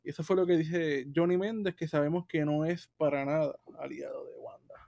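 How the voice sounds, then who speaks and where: A man co-hosting a casual political chat, reading out news in a measured way. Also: a little high, fairly even intonation, vocal fry, dark tone, no room sound. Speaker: podcast co-host.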